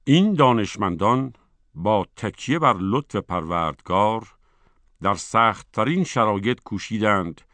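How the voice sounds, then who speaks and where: A man giving scripted narration, reading in a measured, formal way, letting each phrase fall at its end. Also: fairly low pitch, expressive, a bit bright, no room sound.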